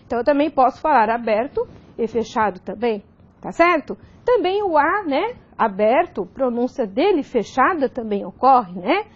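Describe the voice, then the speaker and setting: A woman's voice: high voice, sing-song, normal speed, breathy edge, muffled recording. A woman teaching grammar in a recorded video lesson, explaining step by step and checking in with frequent "ok?".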